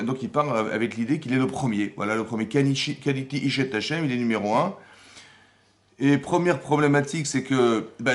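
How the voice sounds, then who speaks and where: A man teaching a Torah class as rabbi, his voice climbing and dropping as he acts out the dialogue he explains. He keeps turning to his listeners with rhetorical questions. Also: medium pitch. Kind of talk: lively Torah lesson. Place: Paris community hall.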